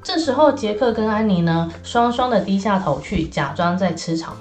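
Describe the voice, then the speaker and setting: A woman reads a children's adventure story aloud. Her telling is lively and animated, with casual fillers between phrases. Soft music plays faintly behind her. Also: medium pitch, normal speed. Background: soft background music.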